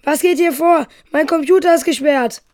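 A man's voice: very high-pitched, moderate pace, no room sound, clean studio sound, voice pushed up. A young male reader voicing a furious grown woman author who rants and threatens while he reads a book aloud. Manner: shouting, snarling.

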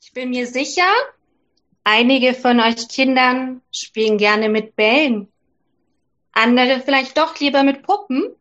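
A woman reading a fairy tale aloud to children, gently and clearly. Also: sits high, measured pace, dull audio. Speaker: storyteller for children.

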